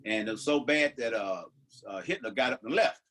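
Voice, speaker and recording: A man's voice: medium pitch, expressive, fairly quick, a bit bright, a little hiss or hum, low-quality recording. An older man co-hosting a podcast in casual chat, telling stories and restarting his sentences often. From United States. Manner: rambling storyteller, many restarts. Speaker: podcast co-host.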